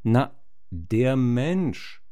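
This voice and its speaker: A haughty she-sphinx taunts her victim in rhymed verse, as a man puts her on. The voice swoops lively through its pitch while the delivery stays unhurried and theatrical. It is a comic stage performance. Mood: explaining. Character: haughty female riddling sphinx monster.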